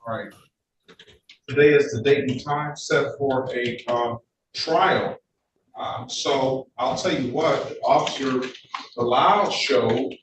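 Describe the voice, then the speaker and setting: A man presiding as a judge, speaking briskly and firmly, cutting people off to keep proceedings moving, in a courtroom recording. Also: medium pitch. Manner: brisk and firm, cuts people off. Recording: echoey courtroom audio from a distant mic, noisy.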